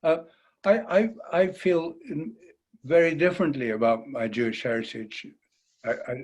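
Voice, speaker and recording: A man with a mid-pitched voice, speaking as a biographer on a panel. He is hesitant, often stumbling over and repeating words before he finds them, with a gently wry touch. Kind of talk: panel talk, conversational.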